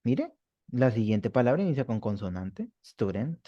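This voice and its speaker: A man teaching a beginner English class, explaining patiently and repeating examples slowly. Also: mid-range voice, very animated. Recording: dull lo-fi sound.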